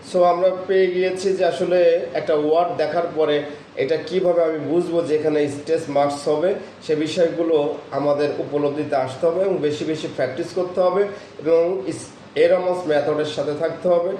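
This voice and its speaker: A man with a slightly high, mellow voice teaches pronunciation in a lecture-style lesson. He explains patiently and draws out example words with heavy stress. The recording is echoey, with a faint hum behind him.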